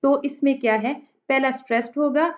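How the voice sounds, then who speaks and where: A woman, a literature teacher lecturing slowly, repeating each example and stressing single words. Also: sits high, steady tone, a little mellow, highs cut off. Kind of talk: lecture in Urdu mixed with English.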